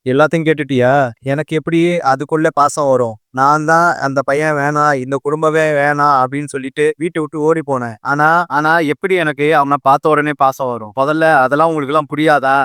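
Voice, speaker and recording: A man's voice: on the high side, fairly even intonation, a little fast, a bit bright, smooth, dry recording, clean studio sound, lightly acted. A man voicing a scheming middle-aged mother in a TV serial, evasive and defiant. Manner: evasive, pleading, then defiant.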